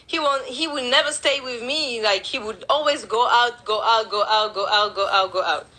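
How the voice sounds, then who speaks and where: Bright-voiced woman, halting emotional account. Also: a little high, poor audio. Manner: halting, with restarts and quoted dialogue. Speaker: interviewee telling her story.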